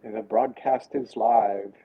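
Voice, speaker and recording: A man's voice: mid-range voice, fairly even intonation, unhurried. A man co-hosting a casual livestream, joking in an easygoing way. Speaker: co-host. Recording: dull lo-fi sound, faint noise.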